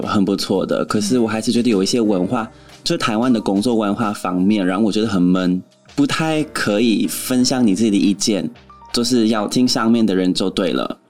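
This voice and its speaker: Low-voiced North American man speaking Mandarin as a foreigner. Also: darkish tone. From Canada. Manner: frank, opinionated. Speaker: interview guest, actor and office worker in marketing. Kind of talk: casual interview chat.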